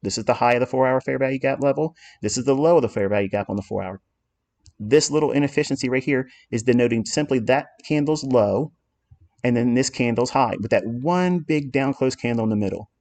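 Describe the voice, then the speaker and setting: A man's voice: mid-range voice, fairly quick, darkish tone. A man walking through trading charts in a lesson, blunt and self-assured as he explains what he authored. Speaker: trading educator.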